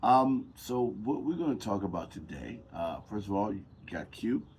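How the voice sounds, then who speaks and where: A man co-hosting a podcast, talking in a relaxed, loose, conversational way. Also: lowish voice, normal speed, a little hiss or hum. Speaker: podcast co-host. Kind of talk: casual chat.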